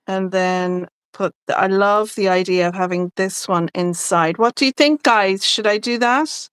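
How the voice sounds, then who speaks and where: A woman co-hosts a crafting livestream, chatting casually through each step as she works. Her medium-pitched voice is clear, resonant, and a bit bright, with a measured pace and no echo.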